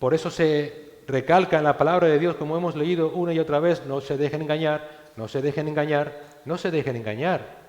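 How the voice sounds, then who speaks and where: A man's voice: fairly quick, dull audio. Emphatic male preacher in echoing church. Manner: emphatic preaching, swinging between loud exhortation and hushed low phrases. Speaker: pastor. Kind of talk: sermon. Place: church hall. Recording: echoey church hall with long reverb.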